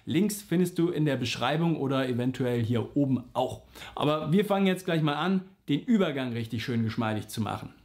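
A man's voice: medium pitch, expressive, a little fast, a little mellow. A man teaching a singing lesson, explaining simply and patiently, and sometimes singing vowel slides to show an exercise. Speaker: vocal coach.

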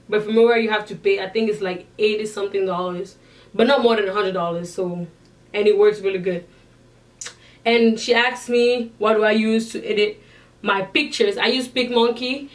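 This casual Q&A vlog shows a young woman with a non-native English accent chatting to viewers and answering questions, with many restarts. Her voice is medium-pitched and recorded from a distance, indoors in front of a sequined backdrop.

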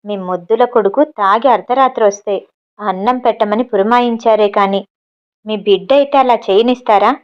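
A woman's voice: medium pitch, normal speed, muffled recording, close to an everyday voice. A woman voicing a proud, educated young woman who works as a cook and answers back bluntly. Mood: defiant. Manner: cutting, matter-of-fact retorts.

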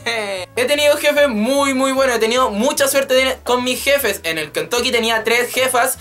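A man's voice: very high voice, moderate pace, a bit bright, faint music behind. A man in his twenties with a Chilean Spanish accent, chatting animatedly on his vlog in a small room, swearing freely and joking as he rants. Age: 20s. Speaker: YouTube channel host. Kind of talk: casual vlog chat. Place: small room with a drum kit. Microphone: webcam at desk.

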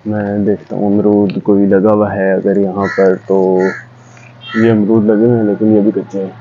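A man's voice: on the low side, level tone, moderate pace, dark tone, dull audio, slight background noise. Chatty young man touring his village. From Pakistan. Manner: chatty, talks straight to viewers. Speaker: vlogger. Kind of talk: casual vlog tour. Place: outdoors in a hot village. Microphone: handheld camera.

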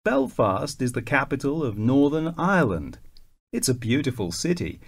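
A man reading a self-introduction for a listening exercise, spelling out his name clearly. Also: mid-range voice, sing-song. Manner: slow, clearly enunciated, spells out names. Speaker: exam recording reader.

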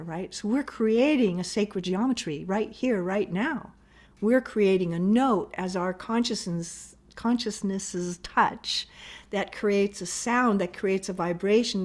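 A middle-aged woman giving an informal spiritual teaching talk as a meditation teacher, speaking earnestly with pauses and rephrasing. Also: mid-range voice, darkish tone. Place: home living room, indoors.

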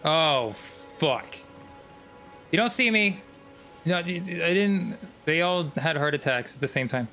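A man's voice: a little high, lively intonation, slow, bright, forceful tone, faint music behind. A man streaming a video game, commenting casually, swearing often and bursting into sudden screams. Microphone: desk microphone.

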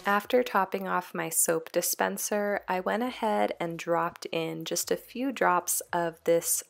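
A woman in her thirties talks through her cleaning routine in a calm, matter-of-fact voice-over. Her voice sits low and has a gravelly edge. Soft music plays faintly behind her. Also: a little slow. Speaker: cleaning vlogger.

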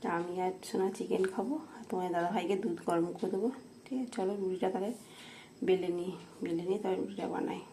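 A woman's voice: fairly low pitch, fairly even intonation, brisk. A woman in her thirties, a home vlogger and mother, chatting casually to her viewers while she cooks at home. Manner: chatty, talks straight to viewers while cooking. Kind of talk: casual vlog narration to viewers. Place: home kitchen indoors. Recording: clattering kitchen noise behind. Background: dishes, pots and cutlery clatter.

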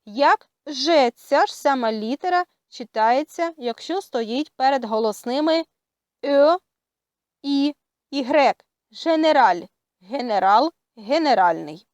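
A woman with a Ukrainian accent teaching a language lesson, speaking carefully and pausing often with hesitant fillers. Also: high-pitched, animated, a little mellow, dry recording, dull audio. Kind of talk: slow spoken lesson.

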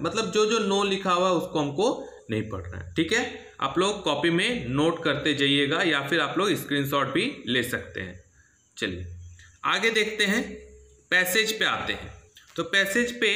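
Teacher guy, slightly high bright voice, goes through the syllabus step by step, keeps saying theek hai. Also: echoey room. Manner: steady, repetitive teaching with frequent "theek hai" check-ins. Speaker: English teacher. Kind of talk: syllabus walkthrough lesson.

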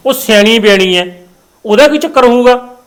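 A man's voice: very high-pitched, normal speed. A Punjabi-accented man in a comic family drama sketch, worried and grumbling.

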